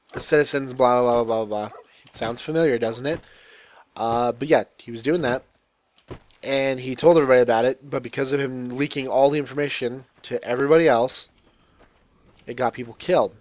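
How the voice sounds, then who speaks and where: A man's voice: medium pitch, no echo. A man hosting a let's play, giving casual gameplay commentary in a joking, rambling, irreverent way.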